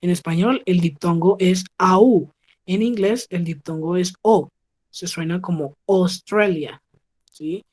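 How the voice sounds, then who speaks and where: A woman teaching an English lesson over a video call, with a voice a touch lower than most. She talks patiently and stops often to check that the class is following. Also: measured pace, a little mellow. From Colombia. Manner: patient, checks understanding with frequent "¿sí?". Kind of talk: online class explaining pronunciation.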